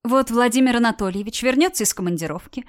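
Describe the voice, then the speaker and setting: A woman voicing a loud, bossy, teasing woman of about thirty in an audiobook. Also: fairly high pitch, fast, lightly acted. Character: brash mocking woman around thirty.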